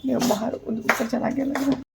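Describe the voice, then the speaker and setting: A woman's voice: on the high side, level tone, moderate pace, gravelly, background noise. A young woman with a Bihari accent, chatting casually to her vlog audience in a rambling way with many fillers. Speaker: vlogger.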